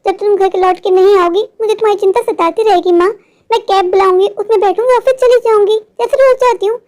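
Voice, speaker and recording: In this storybook drama, a woman plays a stubborn young office worker who pleads and frets, close to tears. Her voice sits very high. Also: fairly even intonation, fast talker, darkish tone. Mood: arguing. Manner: pleading and anxious, often near tears. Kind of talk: storybook voice acting.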